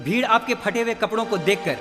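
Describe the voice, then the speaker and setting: Male preacher, very high and forceful, dramatic sermon storytelling, reverberant hall with faint music. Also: animated, a little fast. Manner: dramatic storytelling, loud exclamations to listeners. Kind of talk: devotional radio sermon.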